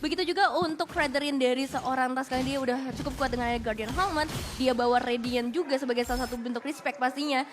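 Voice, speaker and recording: A woman's voice: sits high, steady tone, quick pace, hardly any pauses, over music. A woman with an Indonesian accent giving analytical esports commentary as a caster. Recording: clear background noise and ambience.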